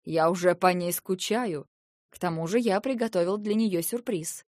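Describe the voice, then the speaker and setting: A woman voicing an arrogant male lord with a lower, drawling, haughty delivery in an audiobook. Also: normal speed, a little mellow, no echo, clean studio sound, natural voice.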